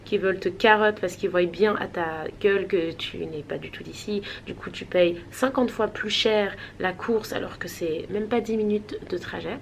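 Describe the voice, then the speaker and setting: A Swiss woman with a fairly low-pitched voice chats casually with her vlog viewers, rambling and hesitating a lot. There's slight background noise.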